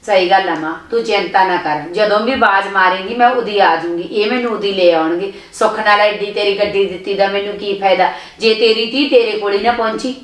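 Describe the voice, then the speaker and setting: A young woman playing a married daughter who gently soothes and coaxes her mother. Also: mid-range voice, brisk, hardly any pauses, recorded from a distance, close to an everyday voice. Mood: coaxing. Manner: soothing, coaxing. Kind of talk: village drama acting. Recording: echoey room, voice off-mic.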